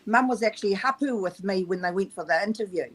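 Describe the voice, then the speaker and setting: A woman's voice: mid-range voice, fast talker, low-quality recording. A middle-aged woman from New Zealand with a New Zealand accent, a podcast guest talking casually and hesitantly, with many ums. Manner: soft-spoken and hesitant, with frequent ums. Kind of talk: casual interview talk.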